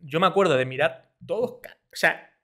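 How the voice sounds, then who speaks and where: Young man, high voice, rapid talk, casual podcast chat, animated storyteller, mimics voices. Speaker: podcast co-host.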